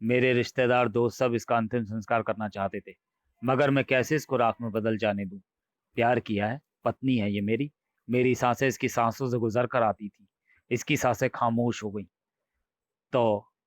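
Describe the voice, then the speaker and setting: A man's voice: no echo, close to an everyday voice. A man voicing an eerie unblinking male stranger who kills, in a horror comic audio drama. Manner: low, slow, menacing. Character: eerie unblinking male stranger, grieving widower turned killer. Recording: dry, slightly dull recording.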